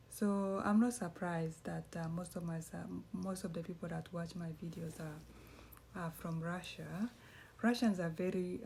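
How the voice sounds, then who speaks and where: A woman's voice: on the low side, a little mellow. A woman from East Africa, a writer talking casually to her channel viewers, rambling and correcting herself as she goes. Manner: rambling, self-correcting, chatty. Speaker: YouTuber and writer. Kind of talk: casual vlog chat.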